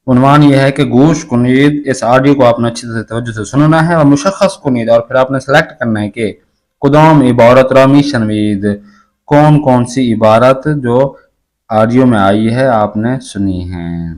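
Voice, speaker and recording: A man teaching a language lesson, reading phrases aloud and explaining each one slowly. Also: medium pitch, a little mellow.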